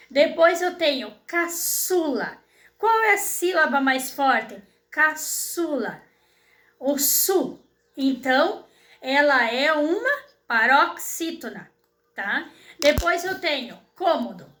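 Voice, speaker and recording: A woman's voice: high voice, a bit bright, reverberant. A woman teacher with a Brazilian Portuguese accent, patiently walking students through exercises and checking in with them often. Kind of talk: explaining school exercises to students.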